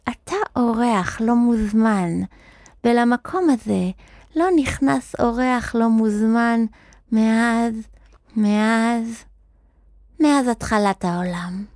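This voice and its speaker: A woman doing a squeaky, muffled old wizard. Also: steady tone, darkish tone, no room sound, clean studio sound, natural voice. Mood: sly, riddling. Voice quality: muffled, squeaky, lips barely moving. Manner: singsong riddling, drawn-out words. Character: old crooked thin male wizard, odd and sly. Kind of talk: storybook character voice.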